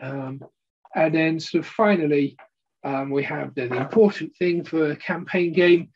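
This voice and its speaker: A middle-aged man presenting an unboxing video, talking through components off the cuff in a hesitant, halting way and often rephrasing himself. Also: a little high, darkish tone, husky, lo-fi sound. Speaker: presenter of a board game unboxing. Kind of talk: unboxing video commentary, unscripted walkthrough of components. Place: indoor hobby room at a table.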